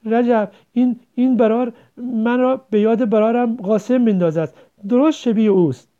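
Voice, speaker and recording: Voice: mid-range voice, lively intonation, gravelly, voice pushed up. A narrator voicing an emotional, pregnant young village woman who speaks earnestly, in a dull lo-fi recording. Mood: tearful.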